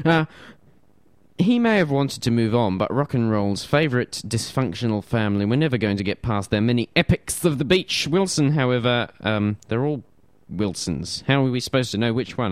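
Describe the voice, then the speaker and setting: A man's voice: lowish voice, clear, resonant tone, no room sound. A man presenting music on radio, reading notes casually with self-deprecating asides and stumbles over names.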